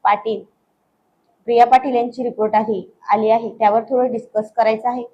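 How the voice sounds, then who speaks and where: A woman's voice: on the high side, flat delivery, a little fast, muffled recording, slight background noise, natural voice. A woman voicing an earnest young male doctor in a spoken story, pleading with his father.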